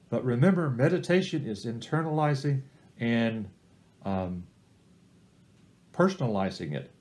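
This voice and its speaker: A middle-aged man leading a recorded church small-group Bible study, giving plain, step-by-step advice in an unhurried teaching manner. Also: mid-range voice, a little mellow.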